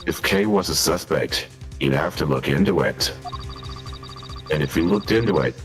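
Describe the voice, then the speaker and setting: Smug caller, voice changer pitched very deep. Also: male voice, a bit bright. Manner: smug, taunting, unhurried. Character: mocking male mastermind caller, smug and taunting. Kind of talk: fan dub of a video game.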